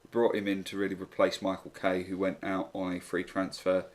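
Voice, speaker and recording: Man, low voice, monotone, game commentary, matter-of-fact. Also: brisk. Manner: steady, flat, matter-of-fact listing. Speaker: gaming YouTuber.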